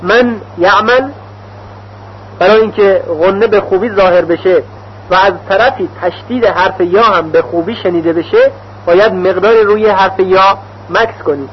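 Measured male tajwid teacher, high voice. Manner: measured, deliberate, drawn-out demonstration of syllables. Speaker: Quran recitation teacher. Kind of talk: slow instructional explanation with recited examples. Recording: dull lo-fi recording with faint hum.

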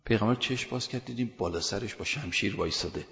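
A man with a low, gravelly voice delivers an earnest sermon and tells stories, pushing his key phrases louder as he builds. The sound carries a long hall reverb. The recording is dull and lo-fi. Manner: earnest, builds emphasis with rising loud phrases. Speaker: preacher. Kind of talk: sermon with storytelling.

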